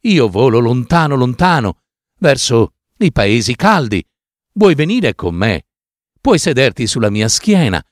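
Caring female swallow in a storybook, played by a man, lively and reassuring. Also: mid-range voice, unhurried, dry recording, clean studio sound. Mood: gentle offer.

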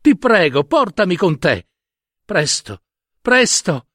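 A man's voice: high-pitched, big pitch swings, slow pace, fairly bright tone, dry recording, clean studio sound, voice pushed up, full character voice. A man voicing a poor little girl who pleads breathlessly with her grandmother, in a storybook reading. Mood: pleading.

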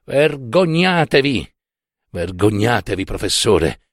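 A man's voice: medium pitch, sing-song, slow pace, no room sound, clean studio sound. A man voicing an indignant young male professor who scolds and mocks with emphatic reproach. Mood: mocking lecture.

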